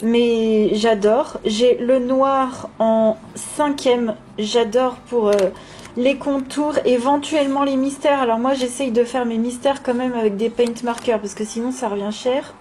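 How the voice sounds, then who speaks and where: High-voiced woman, chatty vlogger. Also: fairly even intonation, measured pace, a little mellow. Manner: informal, chatty, enthusiastic. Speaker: craft and coloring vlogger. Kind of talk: casual vlog chat to viewers. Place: indoors at home. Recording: noticeable background noise, home recording.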